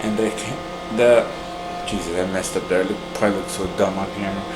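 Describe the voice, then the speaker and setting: A man's voice: low-pitched, fairly even intonation, a little fast, echoey room, heavy background noise. A man chatting casually to viewers in an informal, slangy, rambling vlog style. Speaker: vlogger. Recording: loud background music.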